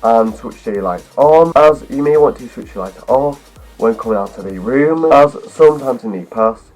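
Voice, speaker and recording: Soft background music accompanies a man hosting a video, who talks to camera from a script in a rambling explanation full of strung-together clauses. His mid-range voice is darkish in tone and deeper than usual from a cold, and he sounds animated at a moderate pace. The recording is low quality.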